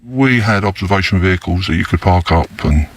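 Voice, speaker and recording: An older former undercover police officer whose voice is disguised and pitched down, speaking slowly and haltingly in a recorded news interview. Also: male voice. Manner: slow, halting, with many fillers. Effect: disguised voice, pitched down deep.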